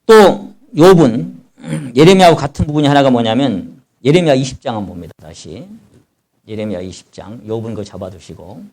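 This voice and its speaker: A man's voice: mid-range voice, lively intonation, moderate pace, darkish tone. A man preaching a sermon as pastor, reading scripture aloud and explaining it with passion, crying out as the sufferer. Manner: reads scripture aloud, then explains it in plain speech; impassioned, cries out in the voice of the sufferer.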